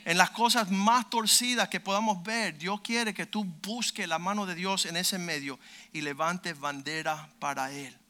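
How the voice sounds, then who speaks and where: A man's voice: high-pitched, steady tone, measured pace, pushed and bright. A man preaching a sermon, telling a testimony with fervent emphasis and acting out what people said. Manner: fervent, emphatic storyteller who acts out quotes.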